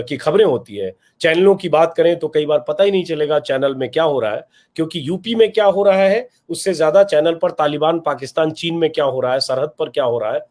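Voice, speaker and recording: A man in his fifties, a journalist hosting his own channel, talking straight to his viewers in an earnest, explanatory way, pausing often and listing examples. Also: fairly high pitch, darkish tone. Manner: earnest, explanatory, lists places and examples with many pauses and fillers. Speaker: journalist and YouTube channel host. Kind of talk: direct-to-camera talk to viewers.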